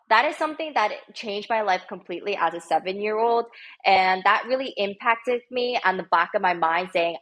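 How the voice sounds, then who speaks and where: A woman in her twenties from the United States speaks as a podcast guest. She talks warmly and chattily, filling pauses with ums, in a voice of middling pitch. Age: 20s. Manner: warm, chatty with many fillers. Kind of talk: interview storytelling.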